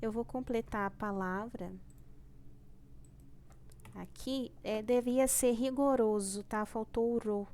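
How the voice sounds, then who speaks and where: A woman's voice: fairly high pitch, fairly even intonation, takes it slowly, long pauses, mellow. Patient Brazilian woman teaching children. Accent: Brazilian Portuguese. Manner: patient, repeats "tá bom?" and stretches out key words. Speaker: primary school teacher. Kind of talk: remote class lesson.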